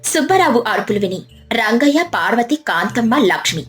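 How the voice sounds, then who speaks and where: A woman narrating a moral story in an even storytelling manner. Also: on the high side, fairly quick, soft background music.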